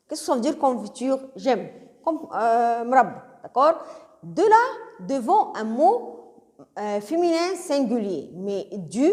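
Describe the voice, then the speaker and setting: Woman, Egyptian accent, Arabic native, French teacher, slow repetitive explaining, fairly high voice. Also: a little mellow, big-room sound. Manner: mixes French with Egyptian Arabic and English glosses; slow, deliberate repetition of vocabulary. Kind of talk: classroom lesson explaining grammar.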